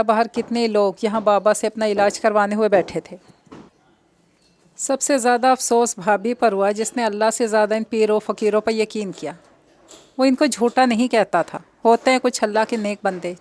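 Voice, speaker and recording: A woman reading an audio novel in an even, measured storytelling voice. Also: mid-range voice. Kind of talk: scripted narration of an audio novel.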